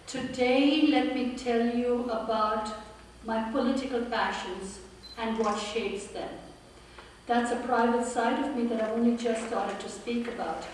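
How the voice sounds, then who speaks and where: A woman's voice: fairly high pitch, steady tone, measured pace, a little hiss or hum. Woman, 50s, candidate at a forum; earnest with dry humor; recorded from far off in an echoey room. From India and Pakistan. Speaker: political candidate. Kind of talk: campaign speech.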